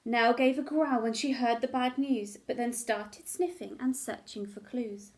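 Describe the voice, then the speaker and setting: With a higher-pitched voice and a measured pace, a woman teacher animates a children's picture book as she reads it aloud expressively.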